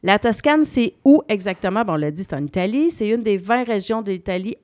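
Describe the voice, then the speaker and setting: A woman's voice: mid-range voice, animated, fairly quick, darkish tone, no echo, clean studio sound. A woman with a Québécois accent presenting a travel column on the radio, explaining destinations and spelling out names. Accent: Québécois French.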